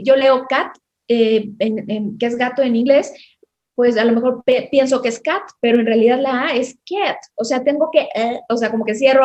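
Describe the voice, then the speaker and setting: A woman with a high voice, speaking in casual chat. She talks hesitantly, with "eh" fillers and restarts. The recording sounds dull and somewhat muffled. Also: a little mellow.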